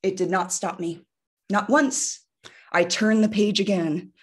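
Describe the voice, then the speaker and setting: A woman tells a favorite childhood story as an impromptu club speech, taking her time over each phrase. Her delivery is animated and deliberate. She is heard over a video call. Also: mid-range voice, breathy edge.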